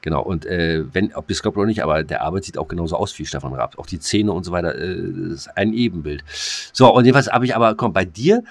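A deep-voiced man co-hosts a podcast, talking fast and expressively with few pauses. His casual chat rambles, full of fillers, restarts and crude slang.

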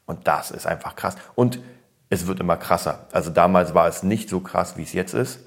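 A podcast host from Berlin, born in Poland, has a low, gravelly voice and speaks at normal speed. He rambles bluntly through a casual opinion chat, with frequent restarts and fillers.

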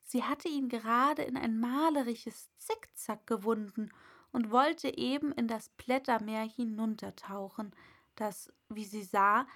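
A woman narrating a storybook aloud in an unhurried, expressive reading. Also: on the high side. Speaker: audiobook narrator.

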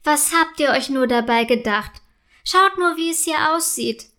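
A woman's voice: high-pitched, measured pace, fairly bright tone. A woman voicing a stern but fair mother who scolds with exasperation.

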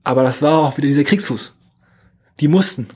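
A young man hosting a motivational solo podcast, talking fast and casually with slightly unclear, run-together speech. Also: a little high, darkish tone, breathy edge. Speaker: podcast host.

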